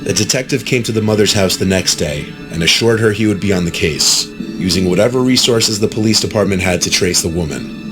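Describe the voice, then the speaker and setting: A man narrating a scripted true-story video in a calm, measured way. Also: low voice. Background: music.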